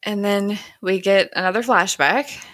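A woman's voice: lowish voice, measured pace, bright, forceful tone, no room sound, clean studio sound. A woman casually recapping a TV episode, storytelling with giggles and hummed cues.

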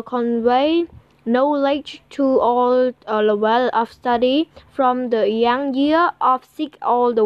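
Slow, halting woman. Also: on the high side, dry recording, lo-fi sound. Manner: halting, stumbling over words. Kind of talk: prepared presentation.

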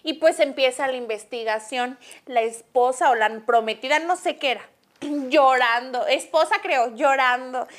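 A young woman with a Mexican accent and a high, bright speaking voice. She chats casually with a friend, full of slang and quick laughter, and now and then reads listener stories aloud. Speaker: podcast co-host. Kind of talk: casual chat.

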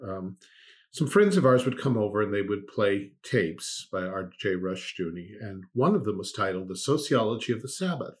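A man's voice: fairly low pitch, animated, moderate pace. A man co-hosting a podcast in casual discussion, with dry sarcasm, frequent laughter and sentence restarts. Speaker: podcast co-host.

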